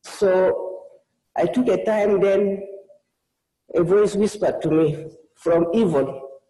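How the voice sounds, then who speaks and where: Warm woman preaching. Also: mid-range voice, slow, roomy sound, rough recording. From South Sudan. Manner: earnest, personal testimony with frequent restarts. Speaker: guest preacher. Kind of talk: sermon. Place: church.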